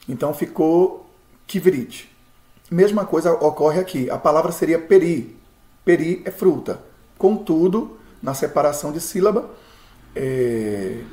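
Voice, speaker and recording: A man's voice: a little high, darkish tone. Patient Brazilian man teaching, echoey room. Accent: Brazilian Portuguese. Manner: patient, repeats words slowly syllable by syllable. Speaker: pastor teaching Biblical Hebrew. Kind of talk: recorded lesson walking through slides.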